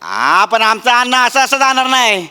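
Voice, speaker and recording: A man's voice: very high voice, big pitch swings, moderate pace, pushed and bright, clean tone, long reverb tail. A man playing a scheming sidekick in a comedy sketch. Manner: scheming sidekick explaining plans.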